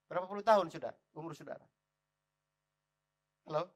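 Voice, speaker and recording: A man preaching a lively sermon in church, calling out to the congregation. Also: fairly high pitch, a little fast. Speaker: pastor.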